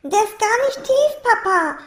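Woman doing a proud, eager young boy, high and bright, calling out, roomy echo. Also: a little slow, full character voice. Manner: excited calling out.

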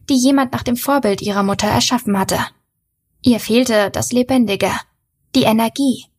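A woman reading a novel aloud as an audiobook narrator, in a measured, even storytelling manner. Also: fairly high pitch, slightly rough. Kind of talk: scripted literary narration.

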